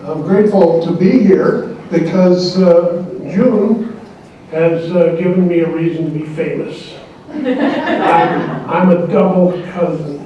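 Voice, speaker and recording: High-voiced guy talking real slow at a memorial, chatty, echoey hall, far off and muffled. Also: fairly even intonation, mellow, a little hiss or hum. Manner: slow and chatty, teasing the audience. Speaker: cousin speaking at a memorial. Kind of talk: memorial tribute speech. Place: large echoing hall.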